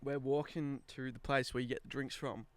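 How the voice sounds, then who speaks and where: Young male co-host, smooth clean voice, very dry recording, loose blokey storytelling full of slang. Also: mid-range voice, little pitch movement, normal speed, no echo. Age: young adult. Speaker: podcast co-host. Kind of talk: casual banter and storytelling.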